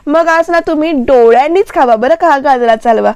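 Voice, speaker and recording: A woman quoting a gently scolding older mother. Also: high-pitched, no room sound, highs cut off. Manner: slow, plain quoted delivery.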